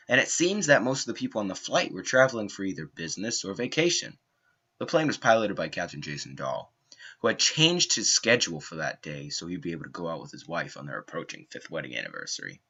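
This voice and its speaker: A young man reading a scripted documentary narration in an earnest, dramatic way, with slow emphatic phrasing. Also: low-pitched, pushed and bright, husky. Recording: dull lo-fi home mic.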